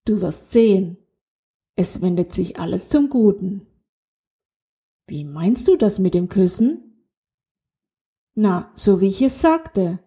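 A woman's voice: medium pitch, expressive, slow, pauses often, dark tone. Woman doing a cheeky little magic snail. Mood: teasing. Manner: teasing, matter-of-fact. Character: small talking magic snail, cheeky, pushy. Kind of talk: children's audiobook reading.

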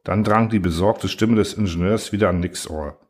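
A man reading a story aloud in measured scripted narration. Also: low-pitched, darkish tone. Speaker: audiobook reader.

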